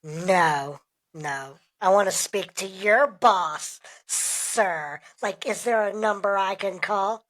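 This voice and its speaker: A woman's voice: mid-range voice, slow, fairly bright tone, rough recording. A woman voicing a disgruntled customer who demands the manager, speaking through a voice changer. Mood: huffy, demanding. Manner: pushy, repeats "sir".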